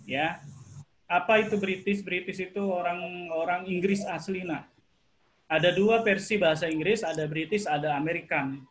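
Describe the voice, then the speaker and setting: A man with an Indonesian accent teaches English grammar in an online class, frequently pausing to ask his students questions. His voice is high and a bit bright, and the recording quality is low.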